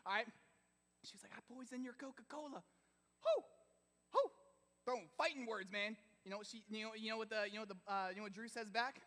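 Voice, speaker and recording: A man preaching to a middle-school youth group, animated and chatty, telling stories and quizzing the audience. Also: high voice, quick pace. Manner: animated, chatty, full of fillers and audience questions. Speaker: youth pastor. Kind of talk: youth group sermon storytelling. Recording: echoey hall.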